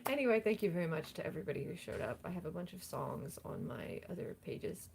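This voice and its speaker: A woman's voice: on the low side, very animated, fairly quick, vocal fry, a little mellow, a little hiss or hum. A young woman chatting casually on a livestream in a rambling, self-deprecating way. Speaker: livestream host, singer-songwriter.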